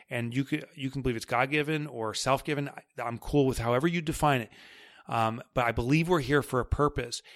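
A man guest on a podcast interview, talking in an energetic, emphatic way and building his points step by step. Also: medium pitch, no echo, studio quality. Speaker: guest author.

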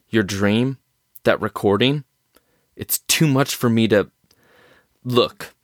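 A man's voice: fairly low pitch, dry recording, clean studio sound, close to an everyday voice. A man playing an agitated, skeptical scientist in an audio drama, speaking in formal, theatrical and emphatic phrases. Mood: exasperated, troubled. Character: agitated male scientist, skeptical, rattled and wordy.

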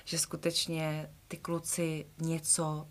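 A woman in her forties co-hosting a casual chat, talking in quick, chatty bursts. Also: deep voice, monotone. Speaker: co-host.

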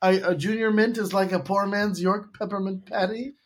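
A man hosting a casual podcast, talking fast and playfully pompous. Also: sits high, fairly even intonation. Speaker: podcast host.

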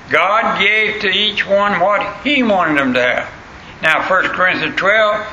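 An older man from the rural US South, with an old country voice that is high-pitched, pushed, and bright, preaches a folksy, plain-spoken sermon and repeats phrases for emphasis. Faint background noise and an echoey room are audible.

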